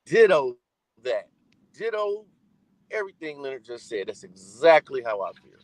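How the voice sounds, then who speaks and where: A man's voice: medium pitch, big pitch swings, moderate pace, no echo. A man calling in, speaking firmly and emphatically over a glitchy phone connection that keeps breaking up. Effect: glitchy phone call breaking up. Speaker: call-in guest.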